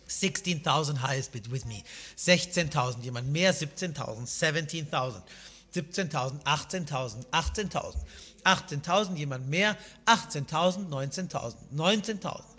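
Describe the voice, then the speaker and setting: Bright-voiced male auctioneer calling bids, reverberant hall. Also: on the high side. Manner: auctioneer's chant of repeated bid amounts and calls. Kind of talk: live bilingual auction calling in German and English. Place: auction saleroom at a rostrum, indoors.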